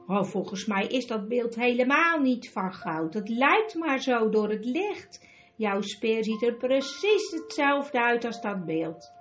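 A woman voicing a gentle, perceptive young girl in a storybook reading, soft and thoughtful. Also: fairly high pitch, lively intonation, slow, faint music behind.

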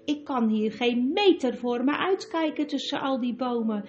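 A woman's voice: high voice, animated, moderate pace. A woman voicing a sensible older schoolboy who exclaims and leads the others in a storybook reading. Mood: steady. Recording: dull recording with music behind.

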